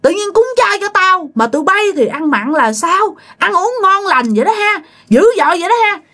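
A woman's voice: extremely high pitch, sing-song, normal speed, fairly bright tone, pitched above the performer's own voice, heavily acted. A woman voicing the angry ghost of a dead husband speaking through a possessed neighbor, scolding. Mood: furious. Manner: scolding, ranting, demanding.

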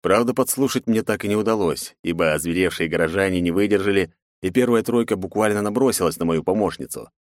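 A man's voice: fast, few pauses, dry recording, clean studio sound. A man narrating a first-person action novel and acting out the dialogue. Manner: voices characters with raised pitch and force. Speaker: audiobook narrator.

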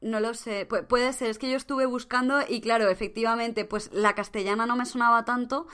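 A woman gushes through a casual series recap, laughing easily. Her voice sits a little high. She talks with an excitable, chatty energy. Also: a little fast. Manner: excitable, gushing, laughs often. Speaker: podcast co-host.

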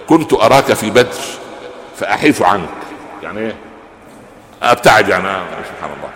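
A man's voice: mid-range voice, a little hiss or hum. A man with an Egyptian accent teaching a religious lesson, asking his listeners rhetorical questions and joking with them. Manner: lively, rhetorical questions, jokes. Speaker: preacher explaining hadith. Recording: echoey hall with long reverb.

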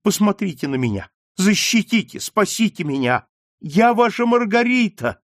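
A man voicing a desperate young daughter, high and tearful. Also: animated, moderate pace, creaky, no room sound, clean studio sound. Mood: pleading. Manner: tearful high pleading cries.

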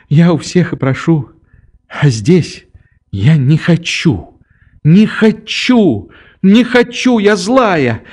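A man voicing a fierce, tearful little orphan girl in an audiobook, with shrill, defiant, sobbing outbursts. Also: a little mellow. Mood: spiteful.

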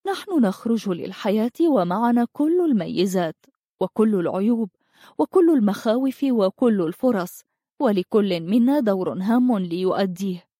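A woman voicing a wise, gentle magical older lady who gives calm, measured counsel. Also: medium pitch, no echo, clean studio sound, lightly acted.

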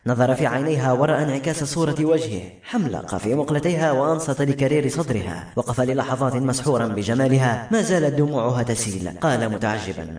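A man narrating a novel as an audiobook in an expressive storytelling reading. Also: mid-range voice, fast talker, hardly any pauses, far from the mic. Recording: roomy echo.

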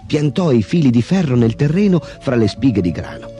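A man narrating a fairy tale in an expressive, animated way. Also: mid-range voice, normal speed, faint music behind. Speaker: storyteller.

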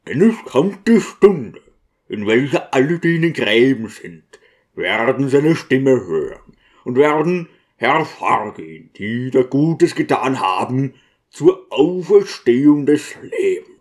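A man's voice: fairly high pitch, big pitch swings, slow, pitched above the performer's own voice. A man voicing a trembling grieving deacon. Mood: solemn. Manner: pleading, hushed and trembling. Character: grieving devout male deacon at a coffin.

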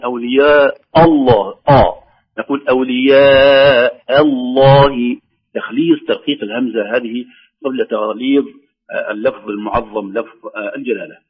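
A man teaching the rules of Quran recitation, explaining each rule and then reciting slow, drawn-out examples. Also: mid-range voice, lively intonation, slightly rough, muffled recording. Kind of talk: tajweed lesson with recited examples.

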